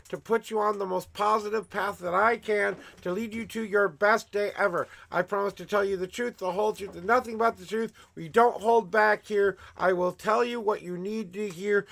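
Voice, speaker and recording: A man with a gravelly smoker's rasp, hosting a livestream as a tarot reader in casual, emphatic, effusive patter to viewers. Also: sits high, a bit bright. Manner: effusive, emphatic showman, repeating welcomes and promises.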